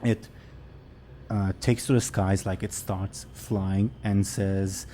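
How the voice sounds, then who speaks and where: A man narrating a tabletop role-playing game as game master, in a casual, halting, improvised way. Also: low voice, little pitch movement, warm tone, slight background noise.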